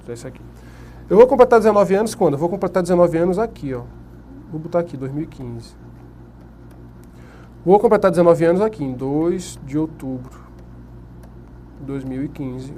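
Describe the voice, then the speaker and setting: This teacher, a Brazilian Portuguese-accented man, speaks in a slightly high, warm voice at normal speed, pausing often and keeping his delivery expressive. Standing at a whiteboard for an exam-prep lecture, he asks his students questions and supplies the answers. There's a bit of background noise.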